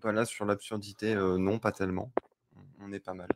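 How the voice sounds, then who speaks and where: Laid-back man with a low voice. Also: little pitch movement, fairly quick, background noise. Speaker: debate co-panelist.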